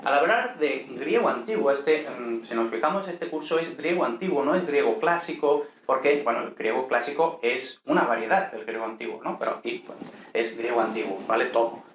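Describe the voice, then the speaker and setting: A man, explaining a language lesson at an unhurried pace, with many checking questions and fillers. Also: medium pitch, expressive. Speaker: teacher. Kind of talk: explaining ancient Greek lesson. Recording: echoey room with faint noise.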